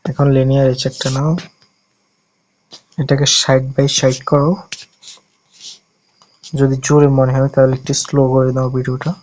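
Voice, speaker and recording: A man's voice: mid-range voice, monotone, measured pace, long pauses, a little mellow, muffled recording, slight background noise. A man from Bangladesh talking through an app-building tutorial step by step in a casual way, often correcting himself as he goes. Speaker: tutorial host.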